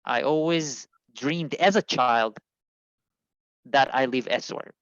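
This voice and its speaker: Speaking with a mid-range, fairly bright voice, this immigration consultant from Israel stumbles through interview answers, often restarting and using lots of fillers. The sound is lo-fi but free of echo.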